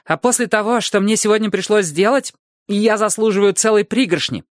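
Storybook angel boy, greedy and insistent, high and pushy, read by a man. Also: a little fast, no echo, clean studio sound, natural voice. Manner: shrill and insistent. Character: greedy young angel boy demanding chocolate.

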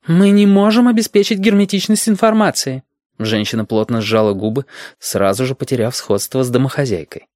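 A man's voice: mid-range voice, a little fast, darkish tone, dry recording, clean studio sound, pitched above the performer's own voice, natural voice. A man voicing a scornful, sly middle-aged woman official who needles the others in an audiobook. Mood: tense. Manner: mocking, needling. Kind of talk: audiobook character voice.

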